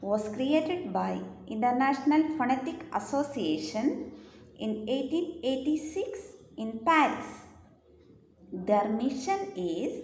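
A woman teacher with a Malayalam accent gives a recorded lecture, switching to slow, careful English for each definition. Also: sits high, a little mellow. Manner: slow, deliberate reading of English definitions between Malayalam explanation. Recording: echoey room, faint background hiss.

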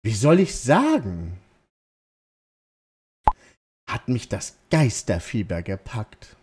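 A man reading a game's lines as a shy young woman ghost hunter, in a gently softened feminine lilt. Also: lowish voice, big pitch swings, a little slow, noisy background, voice pushed down. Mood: friendly. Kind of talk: reading game dialogue aloud.

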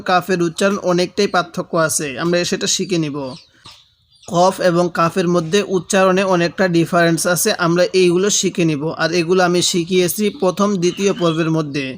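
A man teaching Quran reading, drilling letter sounds slowly and asking listeners to repeat after him. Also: sits high. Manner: drills letters aloud with repetition, asks viewers to repeat. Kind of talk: slow step-by-step recitation lesson.

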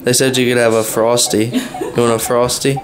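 A man's voice: mid-range voice, level tone, normal speed, a loud crowd. A man chatting casually and teasingly from behind a camera. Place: small clinic treatment room. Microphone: holding the camera. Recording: noisy clinic room camera audio.

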